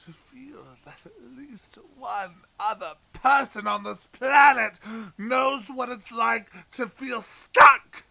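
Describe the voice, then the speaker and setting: A man playing the Joker as an unhinged, anguished and menacing clown villain in an audio drama, theatrical, swinging between hushed brooding and shouting. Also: very high-pitched, takes it slowly, vocal fry, heavily acted, rough recording. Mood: anguished rage.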